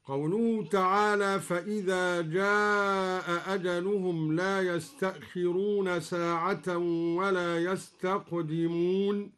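A man giving a radio lesson on Quran recitation variants. He explains each point in a measured way, then chants the verse as an example. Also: high-pitched, steady tone, a bit bright, smooth.

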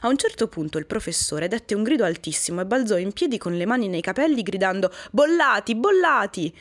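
A woman narrating children's stories aloud, calm and expressive. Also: medium pitch, quick pace. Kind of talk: storybook narration.

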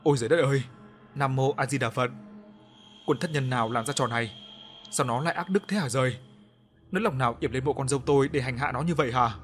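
A man's voice: medium pitch, fast, pauses often, faint music behind, natural voice. A man voicing a grieving old village mother, trembling and wailing in an audiobook. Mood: distraught.

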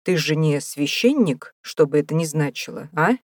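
A woman voicing a gruff, mocking male prison warder who bosses prisoners about in an audiobook. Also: low voice, animated, normal speed, no echo, studio quality. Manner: rough, taunting, bossy.

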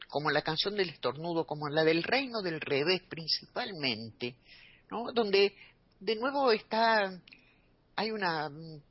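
A woman co-hosting a radio show, speaking haltingly with hesitations and restarts. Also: fairly low pitch, slightly rough. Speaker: radio co-host. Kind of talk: casual radio talk. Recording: dull lo-fi radio feed.

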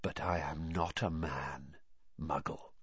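Man voicing cold, slow Lord Voldemort. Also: mid-range voice, very animated, no room sound, dull audio. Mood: quietly menacing. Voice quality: cold, quiet. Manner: slow, imperious, coolly controlled. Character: cold, menacing, commanding dark lord, inhuman and sinister.

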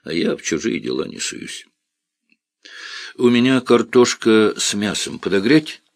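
A man's voice: lowish voice, very animated, measured pace, no echo, clean studio sound, voice pushed up, heavily acted. A man voicing a bitter, scolding village woman. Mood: homely. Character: stern village woman, middle-aged, bitter and reproachful.

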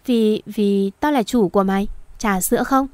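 A woman's voice: medium pitch, normal speed, darkish tone, no room sound, natural voice. A woman reading a story and voicing a brusque, teasing young male master who speaks curtly and bossily. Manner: curt and bossy.

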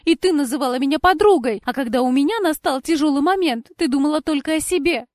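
A woman voicing a bitter young woman who accuses her former friend of betrayal, in a shrill, tearful, indignant tone. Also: fast talker, a little mellow, no room sound, clean studio sound, natural voice. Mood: resentful. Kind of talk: audiobook character voice.

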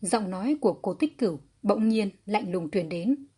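A woman narrating a historical fantasy audiobook in a steady, even storytelling manner. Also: medium pitch, normal speed, slightly rough.

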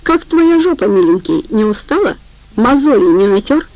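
A coarse, mocking young woman who swears freely and sounds bone-tired and scornful, as a female audiobook reader puts her on. Her voice carries a gravelly, creaky edge. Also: medium pitch, sing-song, moderate pace, a little mellow, no echo, poor audio. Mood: rude, mocking.

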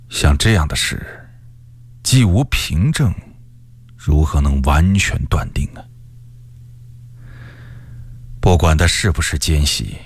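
A man's voice: sits low, pitched below the performer's own voice, exaggerated voice. A man doing a stern, brooding rebel leader. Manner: commanding, slow and heavy.

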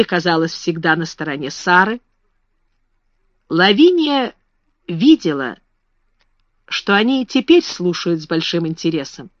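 A narrator reading a classic children's story aloud in an even, measured way. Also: mid-range voice, no room sound. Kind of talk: audiobook reading. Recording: dull lo-fi dry recording.

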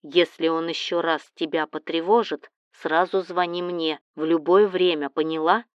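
A woman's voice: fairly low pitch, steady tone, moderate pace, clear, resonant tone, no room sound, highs cut off, lightly acted. A woman voicing a worried, protective boyfriend. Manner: anxious, protective. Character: caring, worried new boyfriend, grown man.

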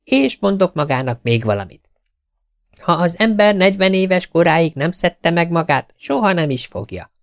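A gossipy village tailor in his forties, as a male narrator puts him on, lifts his voice well above the reader's own and keeps up an endless theatrical stream of complaints. A gravelly edge runs through the raised tone. The sound is close and dry, with no room around it. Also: on the high side, animated, dry recording, pitched above the performer's own voice. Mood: complaining, chatty. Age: 40s. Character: chatty, self-pitying middle-aged male village tailor.

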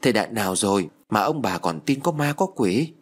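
A man voicing a calm middle-aged neighbor who explains things in a matter-of-fact way. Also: lowish voice, brisk, slightly rough. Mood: explaining.

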